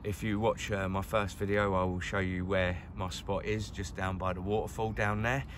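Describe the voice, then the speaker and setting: A middle-aged man chatting excitedly to the camera while fishing by a lakeside, recorded on a handheld camera. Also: low-pitched, normal speed, noisy background. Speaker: carp angler vlogger. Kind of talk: casual outdoor fishing vlog. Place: lakeside outdoors, crouched by the water.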